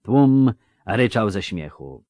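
Man narrating an audiobook, lively. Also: lowish voice, slow, no room sound, clean studio sound. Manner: vivid, rhythmic storytelling. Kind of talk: scripted fantasy audiobook narration.

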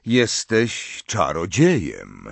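A man's voice: sits low, huge pitch swings, creaky, no echo, heavily acted. Man doing a patient old wizard teacher. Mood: calm. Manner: patient, gentle, unhurried.

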